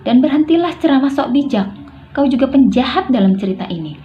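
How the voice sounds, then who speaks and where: A woman's voice: high voice, animated, a little fast, warm tone, dull audio, faint music behind, voice pushed up. A woman reading aloud as a young man who is lost and argumentative, her voice raised and pleading. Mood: arguing. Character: confused, defiant young man.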